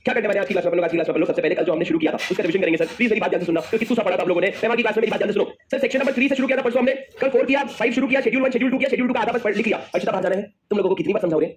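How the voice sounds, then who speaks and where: A man teaching a class, energetic and teasing his students, then dictating slowly. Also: high-pitched. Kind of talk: lively classroom lecture. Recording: noisy classroom with class chatter. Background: students murmuring.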